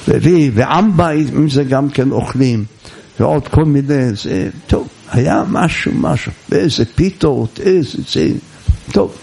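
A man preaching a sermon, telling a folk story with lively acted-out voices. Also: a little high, creaky, slightly rough. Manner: animated storyteller acting out voices. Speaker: rabbi or preacher.

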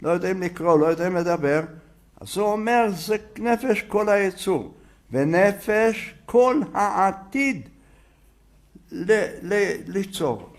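A man with a high voice teaches a religious lesson. He sounds out letters one by one and repeats words to drive a point home, his tone animated throughout. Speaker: rabbi teaching a Torah lesson.

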